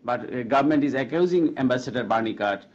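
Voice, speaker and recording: A man from Bangladesh, a reporter asking a question at a press briefing in halting phrasing with many restarts. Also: medium pitch, expressive. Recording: dull lo-fi sound.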